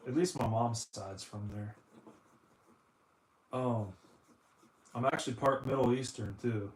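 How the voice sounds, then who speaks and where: Cleaning consoles on a live stream, an American man chats casually in a mid-range voice at a slightly slow pace, joking, rambling and dropping "dude" often, in an echoey room.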